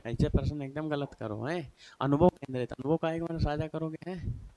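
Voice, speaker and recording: A man's voice: fairly high pitch, normal speed, noisy background. Chatty man teaching an exam class. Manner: chatty, repeats "theek hai" and "bhai sahab" often; asks and answers his own questions. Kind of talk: explanatory exam lesson.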